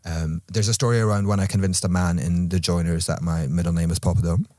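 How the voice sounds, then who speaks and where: A man from Scotland with an Edinburgh Scottish accent, chatting casually on a podcast with dry, teasing humor and measured explanations. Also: deep voice, flat delivery, a little mellow, no room sound. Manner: thoughtful, measured when explaining.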